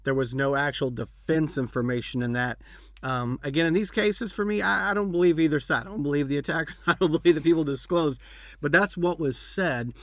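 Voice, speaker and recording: A man's voice: on the high side, a little fast, a bit bright, dry recording. Casual rambling podcast host man. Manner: rambling, with fillers and restarts. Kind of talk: casual chat.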